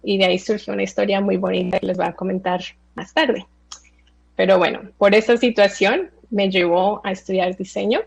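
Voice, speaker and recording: A woman of about forty, born in Colombia and raised in the United States, gives a talk in an easy, chatty manner. Her mid-pitched voice carries a gravelly fry, and she often stops on filler sounds as she goes. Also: darkish tone, dull audio. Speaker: speaker giving a talk. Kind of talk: online talk.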